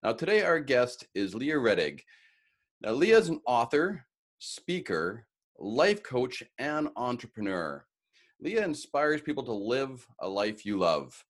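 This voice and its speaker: Animated male podcast host. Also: medium pitch, a little slow. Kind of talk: casual interview.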